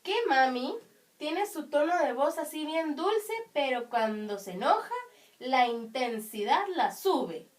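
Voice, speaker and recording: High-voiced patient woman teacher. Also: lively intonation, far from the mic. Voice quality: high but strong, carrying voice. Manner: patient, explains slowly with frequent questions. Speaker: primary school teacher. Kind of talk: online class for children.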